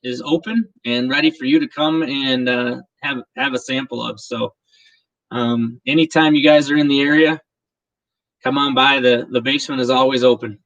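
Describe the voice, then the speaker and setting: A man's voice: medium pitch, steady tone, normal speed, a bit bright, dull audio. A man hosting a casual livestream, talking in a chatty, rambling way with many restarts. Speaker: livestream host. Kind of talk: casual chat.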